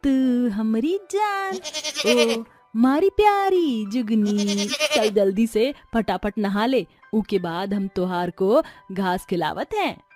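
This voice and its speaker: A woman's voice: a little high, expressive, takes it slowly, a little mellow, soft background music. A woman voicing a sweet young village bride in a cartoon story, with a lilting Bhojpuri-tinged rural accent. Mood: affectionate. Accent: Bhojpuri-tinged rural Hindi.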